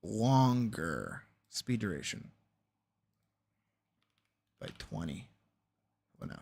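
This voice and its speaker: A man's voice: fairly low pitch, wildly swooping pitch, drawn-out words, vocal fry, background noise. A man chatting casually and thinking aloud as he edits on a livestream, swearing freely and sarcastically, with some muttering to himself. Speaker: animator editing their own series on a livestream. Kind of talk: casual chat, thinking aloud while editing.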